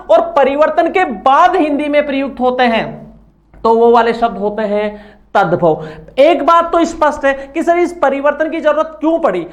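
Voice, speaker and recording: A man teaching a grammar lesson from slides. He asks questions and answers them himself, and has the class repeat words after him. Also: very high-pitched.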